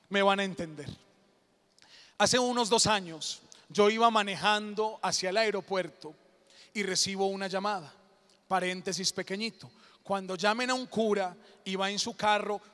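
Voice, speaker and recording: A man's voice: high-pitched, fairly bright tone. A man with an Antioquian Colombian accent, a priest giving a sermon-style conference, urging his audience on and telling a story with humorous asides. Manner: fervent exhortation, humorous asides. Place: large indoor coliseum. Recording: long reverb of a large arena.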